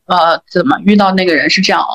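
A woman co-hosting a podcast, telling animated stories and quoting the people she met. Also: fairly low pitch, fast talker. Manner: animated storytelling, quoting others. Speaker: podcast co-host. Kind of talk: casual chat. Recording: dull lo-fi audio.

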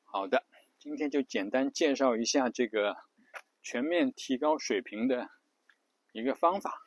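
A man with a mid-range voice hosts an English-learning channel, explaining a study method in a casual spoken lesson. He's unhurried but hesitant, full of restarts and fillers, and the recording is dry, muffled and lo-fi with no room sound.

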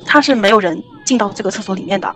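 A young woman casually telling a ghost story on a podcast, rambling and animated with many restarts. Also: medium pitch, very fast.

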